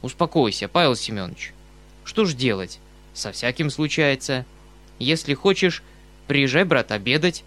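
Мужчина играет сконфуженного доброго дядюшку, что бормочет утешения; тембр звонкий, но приглушённый. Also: male voice, mid-range voice, lively intonation, measured pace, fairly bright tone. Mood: embarrassed soothing. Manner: embarrassed, soothing. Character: kindly flustered older gentleman, the uncle.

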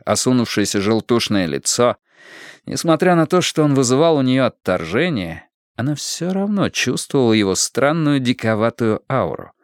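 Male audiobook narrator, mid pitch, very animated delivery, dry close mic. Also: no room sound. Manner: expressive, lively reading.

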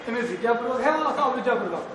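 A man's voice: extremely high pitch, expressive, very fast, background noise. A man with an Indian accent, a student arguing his reading insistently in a classroom debate. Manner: insistent, argumentative. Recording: echoey hall, far from mic.

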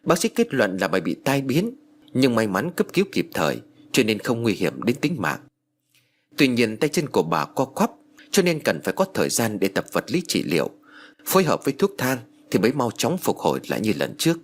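A man narrating a ghost story from a script in an expressive, dramatic way. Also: mid-range voice, fairly quick, a little hiss or hum. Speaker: audiobook narrator. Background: background music.

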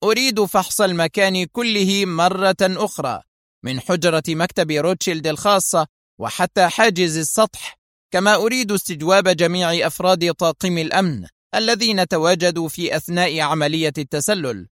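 A man's voice: high-pitched, fairly quick, fairly bright tone, dry recording, clean studio sound, pitched above the performer's own voice. A man voicing a cold, stern male intelligence officer who speaks in an icy, commanding, menacing way.

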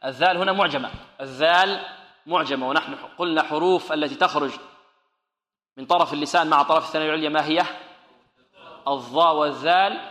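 A man teaching Quran recitation rules, asking questions and answering them himself, and slowly demonstrating each sound. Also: a little high, sharp tone, reverberant, long reverb tail. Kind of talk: tajweed lesson with students repeating.

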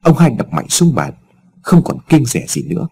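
A man narrating a scripted story in a measured, expressive reading. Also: medium pitch, creaky, breathy edge.

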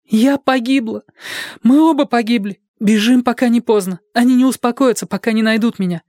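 A man's voice: very high-pitched, a little fast, darkish tone, no room sound, clean studio sound, pitched above the performer's own voice. A man reading an audiobook, voicing a frightened, brave young woman who has been disguised as a boy, pleading and breathless. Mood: desperate pleading.

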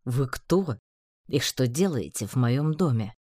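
A woman's voice: extremely low pitch, lively intonation, a little slow, darkish tone, dry recording, heavily acted. A woman voicing a composed, mocking man who is master of the house.

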